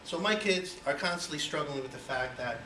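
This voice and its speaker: A Cuban-born man in his forties gives a personal icebreaker speech to an audience, conversational and packed with you-knows and rhetorical questions. His voice is on the high side, lively, brisk, bright and forceful. The recording is noisy, in an echoey room, with his voice coming from far off.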